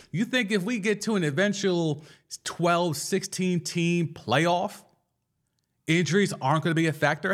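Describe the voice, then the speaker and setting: A man hosting a casual sports podcast, talking in an animated and slangy way and firing off rhetorical questions. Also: a little high. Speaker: podcast host.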